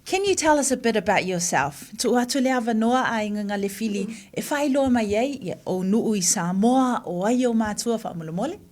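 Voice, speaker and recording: A woman's voice: on the high side, lively intonation, fairly quick, few pauses, a little mellow. A woman hosting a breakfast radio show, interviewing in two languages and affirming her guest with short responses.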